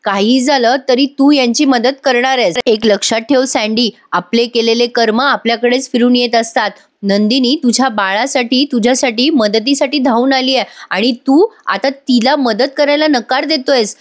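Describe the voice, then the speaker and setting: Woman reading a preachy big sister type, scolding, bit high. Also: normal speed, hardly any pauses, lightly acted. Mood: admonishing. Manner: admonishing, moralizing. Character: kind elder woman scolding and advising a man.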